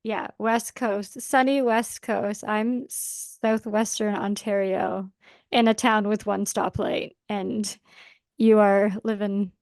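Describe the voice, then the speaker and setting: A woman's voice: mid-range voice, steady tone, slow pace, darkish tone, clear, resonant tone, dry recording, studio quality. A Canadian woman in her forties co-hosting a podcast in casual, chatty talk, laughing often. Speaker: podcast co-host.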